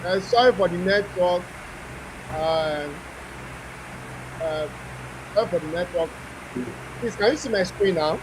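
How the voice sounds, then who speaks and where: Give me a man lecturing over a video call, halting and repeating himself. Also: sits high, background noise. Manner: halting, repeats words while restarting. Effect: remote speaker on a video call. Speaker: guest presenter. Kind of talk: webinar lecture.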